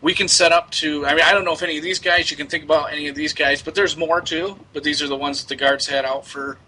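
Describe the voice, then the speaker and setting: A man's voice: fairly high pitch, fairly even intonation, fast, sharp tone, breathy edge, rough recording. A man improvising casual phone talk as a program organizer, explaining things in a hesitant, repetitive way. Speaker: prank caller posing as a prison program organizer.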